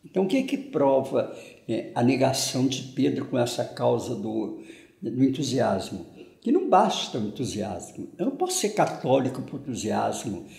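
An older parish priest with a Brazilian Portuguese accent gives a conversational homily on the gospel, frequently tagging "né" and gesturing with his hands. His voice is medium-pitched, sing-song and a little mellow, with vocal fry at normal speed. He's in a small room at home, filmed by a fixed camera at medium distance, and the room echoes.

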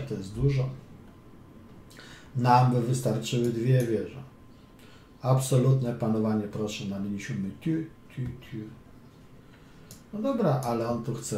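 A man's voice: mid-range voice, moderate pace, warm tone. A man coaching chess as he plays through a game, chatty and playful, with quips and mutters along the way. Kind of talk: casual game commentary. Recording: roomy echo, faint room hum.

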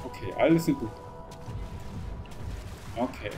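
A man commentating a horror game playthrough, excitable, urging the game character on and swearing when it gets tense. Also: medium pitch, a little slow, music in the background. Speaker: gaming channel host.

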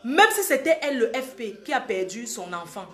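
A woman's voice: fairly high pitch, big pitch swings, brisk, echoey room. A young woman from Cameroon hosting a live stream, talking hard and repeating her warnings to the people watching. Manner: scolding, emphatic, repeats warnings. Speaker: social media live host. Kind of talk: heated live-stream monologue.

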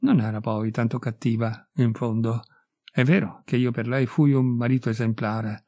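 A man's voice: medium pitch, fairly even intonation, moderate pace, mellow, no echo, studio quality, lightly acted. A man voicing a poor, bitter male musician who talks in blunt, sententious remarks. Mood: brooding.

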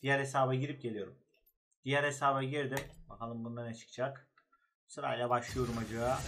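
A man's voice: mid-range voice, noisy background. A man giving casual gameplay commentary as a gaming YouTuber, talking in short, slangy, reactive remarks.

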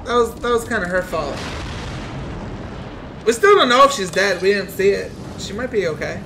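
Excitable, profane young man gaming. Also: high voice, moderate pace, background noise. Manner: loud, profane, excitable reactions. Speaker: gaming youtuber. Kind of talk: let's play commentary.

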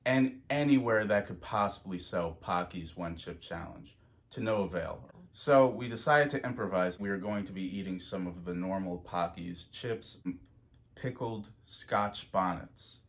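A man's voice: low voice, measured pace. A man hosting a casual food-challenge vlog, chatting, laughing and counting down before each bite. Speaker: vlog host.

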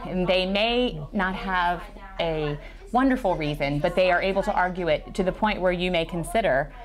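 A woman in her forties with a low voice explains how her school works. She is measured and clear and slips in light jokes as she goes. She is recorded close on a lapel mic in a classroom. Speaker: teacher giving a school tour. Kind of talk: conversational explanation.

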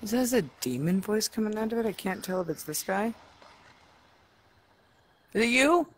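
A woman's voice: medium pitch, quick pace, a little mellow, a little hiss or hum. A woman casually commenting as she plays a VR game, muttering to herself, often swearing and sometimes dropping to a whisper. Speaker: VR game player.

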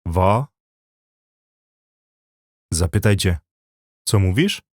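A man teaching a language lesson, speaking slowly and deliberately and repeating phrases for learners to copy. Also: deep voice, expressive, darkish tone, dry recording, studio quality.

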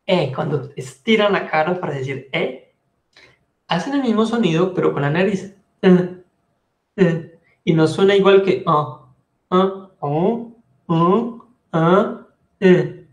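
A man's voice: sits high, a little mellow, echoey room. A man teaching a language lesson, patiently explaining pronunciation and repeating each sound over and over. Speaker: French teacher.

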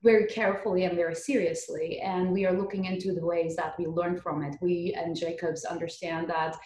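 Speaking briskly in a lowish, darkish voice with fairly even intonation, this Turkish woman in her thirties gives conversational answers as a podcast guest and geotechnical earthquake engineer. She has a Turkish accent and joins by video call from her home living room, her computer mic catching a roomy echo.

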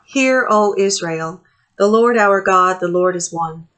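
A middle-aged woman priest leading a morning prayer service from a small office, reading scripture and prayers in a measured, steady way into a webcam. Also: medium pitch. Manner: measured, steady reading with pauses between phrases. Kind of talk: reading a liturgy aloud. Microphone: webcam at desk distance.

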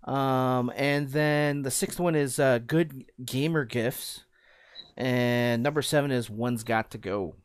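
A man's voice: medium pitch, slow pace, clear, resonant tone. A young man with a mid-range voice hosts a gaming podcast in easy, casual chat. He talks hesitantly, filling gaps with ums and uhs. The sound is dry and close with no room echo. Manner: hesitant, many fillers. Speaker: podcast host.

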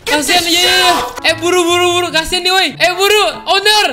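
A young man giving excitable gameplay commentary, laughing often and slipping into English slang. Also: extremely high pitch, fairly quick. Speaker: gaming YouTuber. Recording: voice over loud background music. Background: background music.

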